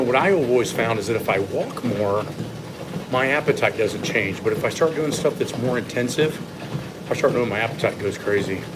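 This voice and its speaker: A man who coaches fitness, talking casually to livestream viewers in a measured, opinionated way while walking on an incline treadmill. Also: mid-range voice. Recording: loud steady treadmill machine noise. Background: treadmill running noise.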